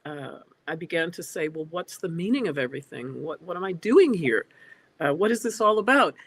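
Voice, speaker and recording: A woman's voice: lowish voice, animated, fairly quick, slightly rough. A woman in her sixties, a guest speaking over a video call, talking thoughtfully with frequent hesitant fillers. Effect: heard over a video call. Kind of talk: reflective interview talk. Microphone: computer on a video call.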